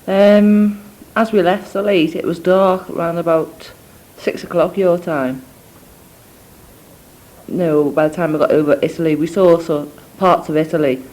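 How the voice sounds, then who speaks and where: A woman's voice: fairly low pitch, steady tone, measured pace, a little mellow, rough recording. Young woman, scouse mixed with scots, chatting into a tape recorder, rambly letter home. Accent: Scouse mixed with Scottish. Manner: chatty and rambling, with many ums and asides. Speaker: letter writer. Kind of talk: spoken cassette letter to family. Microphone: cassette or dictaphone recorder.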